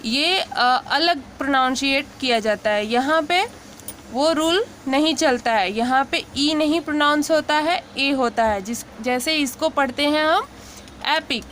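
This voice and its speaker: A woman who teaches English pronunciation gives a slow, explanatory lesson, patiently saying each example word slowly and often adding "theek hai." Her voice is high and a bit bright, with a faint hiss of background noise beneath it.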